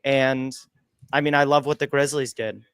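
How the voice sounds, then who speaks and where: A man's voice: mid-range voice, steady tone, normal speed, smooth, no echo. A man co-hosting a livestreamed podcast, giving upbeat, analytical draft takes into a close microphone. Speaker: podcast co-host.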